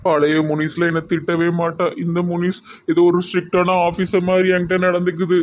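A man's voice: high-pitched, completely flat delivery, moderate pace, heavy background noise. A man with a Tirunelveli accent acting in a comedy skit, talking in a teasing, playful way. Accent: Tirunelveli Tamil. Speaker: comedy sketch actor.

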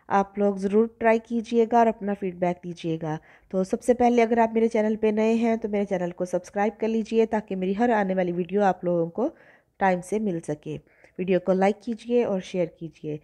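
Lady doing a recipe voiceover, soft warm tone, walks thru each step, chatty n polite. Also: mid-range voice. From Pakistan. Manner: chatty step-by-step explaining, polite address to viewers. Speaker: cooking channel host. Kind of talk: recipe voice-over.

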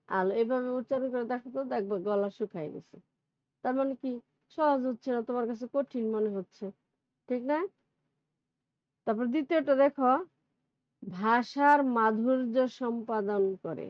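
A woman with a Bangladeshi Bengali accent teaches a grammar lesson at a very slow, patient pace, asking her students questions as she goes. Her voice sits a little high. The recording is dry and close, with a dull, lo-fi sound. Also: dry recording. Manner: patient, explains step by step with questions.

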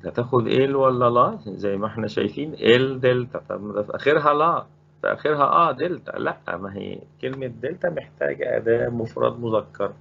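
Egyptian Arabic accent, male teacher, gravelly, rhetorical questions, dull recording. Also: mid-range voice, quick pace. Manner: explains step by step, repeating words and asking rhetorical questions. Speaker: Spanish teacher. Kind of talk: recorded grammar lesson.

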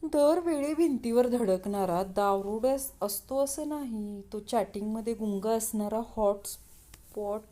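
A woman's voice: fairly high pitch, unhurried, mellow. A woman narrating a string of short jokes in a storytelling cadence, reading the dialogue aloud as she goes. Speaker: joke narrator. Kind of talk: scripted joke narration with voiced dialogue.

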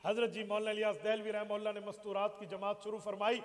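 High-voiced preacher in echoing mosque. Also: male voice, flat delivery, fast. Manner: emphatic, fires rhetorical questions at the congregation. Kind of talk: mosque sermon. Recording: long reverb of a large prayer hall.

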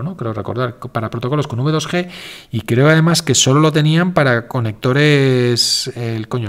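A man hosting a casual live stream, answering viewer questions in a rambling, self-correcting, informal way. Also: mid-range voice.

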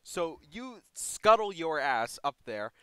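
A man's voice: a little high, big pitch swings, takes it slowly, a bit bright, clear, resonant tone, dry recording, rough recording. A young man running a tabletop game as game master, talking in a loose, slangy way with lots of fillers.

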